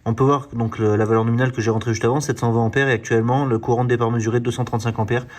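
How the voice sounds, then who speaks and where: In a rapid-fire delivery with fairly even intonation and a medium pitch, a car channel host shows off a diagnostic tool hands-on. His explanation is punctuated by fillers, hesitations, and restarted words.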